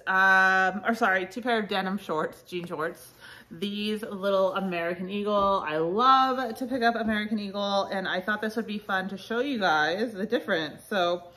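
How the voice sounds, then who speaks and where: A woman's voice: mid-range voice, sharp tone. A woman in her thirties, congested and sniffly, talking chattily through a clothing resale haul with lots of fillers and asides. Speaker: reseller vlogger. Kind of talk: casual haul vlog.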